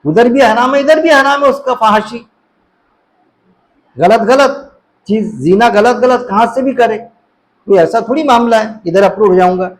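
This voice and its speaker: On a rough recording, a middle-aged man preaches Islam in an extremely high voice at a moderate pace, pausing often. The talk is informal and conversational, heavy with rhetorical questions, and he mimics voices when recounting anecdotes.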